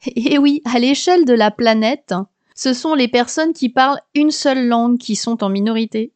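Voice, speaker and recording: A woman in her thirties or forties, from France, hosts a podcast with a high, light voice. She talks in a chatty, explanatory way with a touch of humour. The recording is close and dry, with no room sound. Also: normal speed, darkish tone, clear, resonant tone, no room sound. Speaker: podcast host. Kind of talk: scripted podcast monologue.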